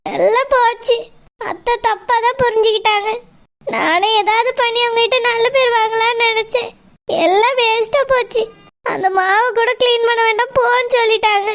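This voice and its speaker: A woman voicing a gentle young daughter-in-law in a village cartoon, talking in a soft, pleading, sobbing way. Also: very high voice, flat delivery, normal speed. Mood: tearful.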